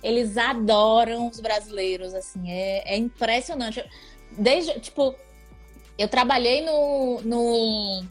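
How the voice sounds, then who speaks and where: A woman's voice: on the high side, takes it slowly, faint music behind. A young woman from Brazil with a Bahian accent, chatting casually as an interview guest and laughing often. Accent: Bahian Portuguese.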